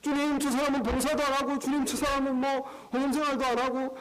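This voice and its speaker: A man's voice: extremely high pitch, level tone, fast talker, voice pushed up, rough recording. A man voicing a whiny adult churchgoer who tattles on others in a pleading tone. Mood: whining.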